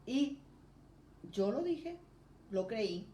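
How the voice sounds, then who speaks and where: A middle-aged woman preaching a lively sermon of personal testimony, her phrases rising in emphasis. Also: a little high, extremely slow. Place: church. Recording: roomy church echo, faint noise.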